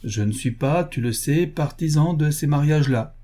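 A man's voice: a little high, moderate pace, dark tone, voice pushed up, close to an everyday voice. A man voicing an old family lawyer and guardian who talks in a blunt, scolding, fatherly way, proud of old nobility.

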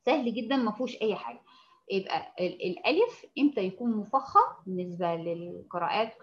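A woman with an Egyptian Arabic accent teaching a Quran recitation lesson, patiently explaining and slowly demonstrating sounds. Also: mid-range voice, lively intonation, a little mellow, highs cut off. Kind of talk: tajweed lesson.

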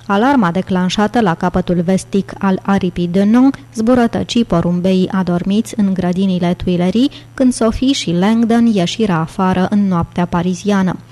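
A woman narrates an audiobook in a steady, even storytelling manner. Her voice is mellow and warm, at an ordinary middle pitch. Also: hardly any pauses.

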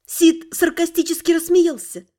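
A woman reading an audiobook, telling the story with lively irony. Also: extremely high pitch, unhurried. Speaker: audiobook narrator. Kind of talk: scripted narration.

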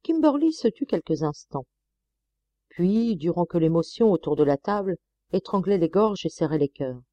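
A woman reading a novel aloud as an audiobook narrator, measured and expressive, on a close mic. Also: lowish voice, no echo, muffled recording. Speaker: audiobook reader.

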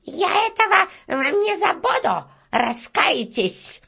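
A woman voicing a stingy, spiteful old female ground beetle with a shrill, squeaky voice, for a storybook reading. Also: big pitch swings, slow, gravelly, sharp tone, heavily acted. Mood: shrill outraged. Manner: scolding, snappish. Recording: dull lo-fi recording.

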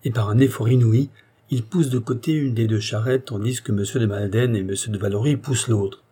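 Husky, dark-voiced male narrator. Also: lowish voice, fairly quick. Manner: steady, dramatic storytelling. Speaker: audiobook narrator. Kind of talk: scripted narration.

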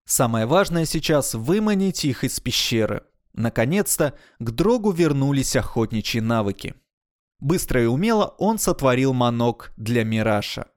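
A male narrator reads a science fiction story in a measured, expressive manner. His voice is middle-pitched for a man, steady and clear. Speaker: audiobook narrator. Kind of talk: audiobook narration.

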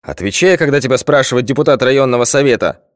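A man voicing a gruff, short-tempered male school director who barks his orders. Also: fairly high pitch, very animated, measured pace, no room sound, clean studio sound, pitched above the performer's own voice. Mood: angry. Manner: barking, loud, short-tempered.

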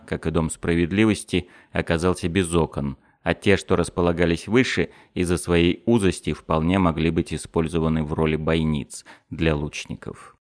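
A man reading a first-person audiobook in a steady, measured storytelling manner. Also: low-pitched. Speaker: audiobook narrator.

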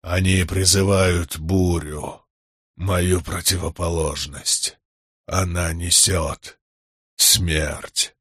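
A man voicing an ancient, cold male storm god in an audiobook, with a grave, rumbling delivery. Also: level tone, extremely slow, a bit bright, slightly rough, no room sound, studio quality, exaggerated voice.

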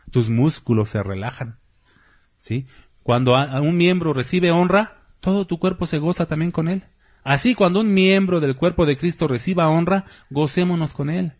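A male pastor, his voice a little husky and pitched slightly high for a man. He preaches in a loose, conversational way and keeps tossing rhetorical questions at his congregation. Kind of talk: sermon.

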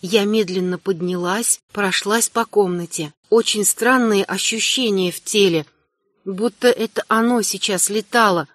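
A woman narrating a first-person fantasy audiobook in a measured, expressive storytelling manner. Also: medium pitch, dry recording, clean studio sound.

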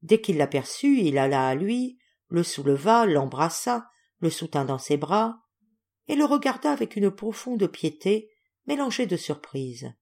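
Woman reading a classic novel, lowish voice. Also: big pitch swings, a little mellow. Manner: measured, clear storytelling. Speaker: audiobook reader. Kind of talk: classic novel audiobook narration.

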